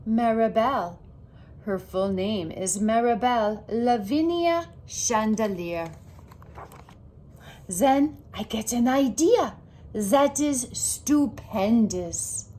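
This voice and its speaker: In a storybook, a woman voices an excitable, fancy-loving little girl with dramatic, grandly precious flair, this time sounding earnest and eager. Her voice sits on the high side.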